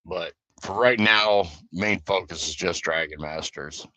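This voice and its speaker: A man on a live stream talks to his guild in a loose, rambling way, with plenty of fillers and restarts. His voice sits on the low side but sounds bright and forceful. The sound is dry, with no room echo. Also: a little slow. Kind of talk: casual live stream chat.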